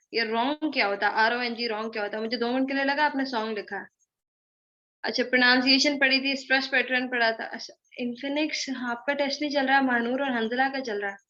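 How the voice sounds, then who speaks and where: Teaching spoken English live online, a young woman teases her students and scolds them in a brisk, steady tone, dropping English phrases into Hindi-Urdu. Her voice is high and bright, though the video-call computer mic makes the sound dull and lo-fi.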